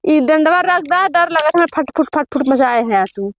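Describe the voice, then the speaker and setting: A woman's voice: high-pitched, lively intonation, a little slow, a little hiss or hum. A woman playing an exasperated village farm wife in a comedy sketch, grumbling plaintively in an Awadhi accent. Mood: plaintive, nagging. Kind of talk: rural comedy sketch acting.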